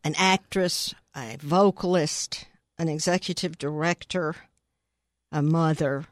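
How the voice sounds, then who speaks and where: Older woman, podcast host, lowish voice, dry sound. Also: steady tone, takes it slowly, no room sound. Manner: gentle, affirming interviewer. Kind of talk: casual interview chat.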